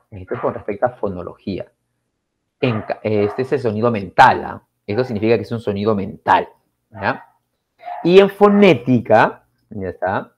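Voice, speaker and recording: A male teacher from Peru explaining exam questions in a recorded lesson, with frequent tag questions and repetition. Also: mid-range voice. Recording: dull lo-fi sound, faint noise.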